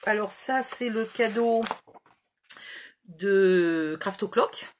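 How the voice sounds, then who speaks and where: A woman's voice: medium pitch, very slow, a little hiss or hum. A middle-aged woman chatting casually through a scrapbooking haul, rambling and mocking herself as she loses track. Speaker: scrapbooking YouTuber. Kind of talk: casual haul video chat.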